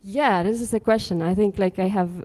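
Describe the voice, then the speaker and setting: A woman's voice: medium pitch, fairly quick, darkish tone. A woman artist answering a panel question, hesitant and restarting, often breaking into laughs. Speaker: invited artist. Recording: echoey hall.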